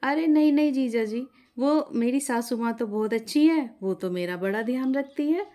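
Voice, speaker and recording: A woman's voice: on the high side, moderate pace, warm tone, close to an everyday voice. A woman voicing a polite, naive new young bride in a family story. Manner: polite, respectful.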